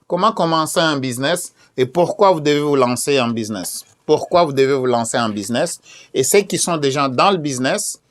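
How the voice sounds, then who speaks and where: A man's voice: medium pitch, a bit bright. Hesitant man promoting a business talk. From DR Congo. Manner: many fillers and repeated phrases; hesitant, repeats key questions. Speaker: event promoter. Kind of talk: casual promotional talk with screen share.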